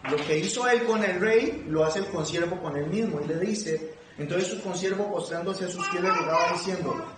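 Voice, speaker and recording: A man's voice: high voice, normal speed. Man teaching a Bible study, echoey. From Costa Rica. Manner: asks the group questions and reads scripture aloud. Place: church meeting room. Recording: echoey room, far from the mic, noisy.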